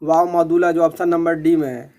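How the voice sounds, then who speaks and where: A man's voice: fairly high pitch, steady tone, brisk, a little mellow, a little hiss or hum. A man teaching an exam-preparation lesson in a methodical way, repeating each question and its answer.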